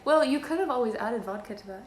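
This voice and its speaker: A woman's voice: on the high side, animated, fast, slight background noise, natural voice. A woman playing a mischievous teenage girl hero student, rambling and teasing with lots of laughter in live cosplay role-play over a call. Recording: echoey live video call.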